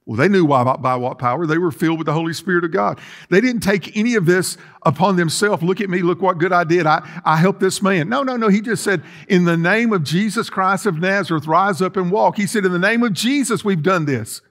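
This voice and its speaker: In a large church sanctuary set with rows of chairs, a middle-aged pastor preaches while pacing and gesturing. His high, fairly bright voice runs a little fast with few pauses, and he makes earnest restarts.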